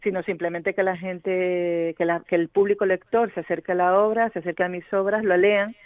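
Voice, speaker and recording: This woman is a novelist from Gran Canaria, Spain, answering radio interview questions in a thoughtful way, though with frequent fillers and restarts. Her voice is fairly low, steady and brisk, and the dry recording sounds tinny, as if over a phone.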